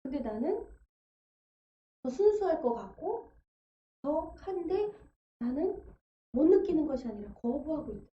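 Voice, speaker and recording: A woman's voice: high-pitched, big pitch swings, moderate pace, long pauses. A woman preaching a testimony sermon in a church, telling her story vividly and acting out the voices she quotes. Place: church sanctuary. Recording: echoey church livestream, dull sound.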